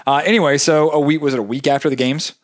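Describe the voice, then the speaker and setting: A man's voice: fairly high pitch, fairly even intonation, fast talker. A man co-hosting a casual podcast, rambling and joking as he talks. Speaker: podcast co-host.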